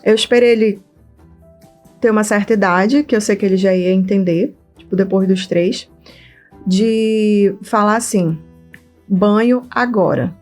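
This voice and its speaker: Faint music sits behind this medium-pitched woman talking at a moderate pace. As co-host of a podcast for mothers, she tells stories in a lively, casual way, acting out family dialogue, and her accent is Brazilian Portuguese.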